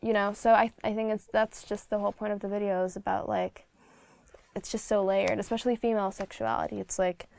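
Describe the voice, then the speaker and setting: Gravelly smooth-voiced Slovak woman singer. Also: mid-range voice, level tone, a little fast, darkish tone. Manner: blunt, chatty, many fillers. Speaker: guest singer. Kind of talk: casual interview chat.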